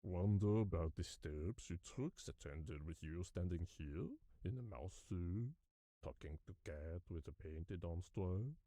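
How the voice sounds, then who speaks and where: Very dark, melancholy cat henchman. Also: low voice, measured pace, no echo. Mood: wistful. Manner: wistful, ponderous. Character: melancholy, introspective male cat henchman in mouse suit. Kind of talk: cartoon game acting.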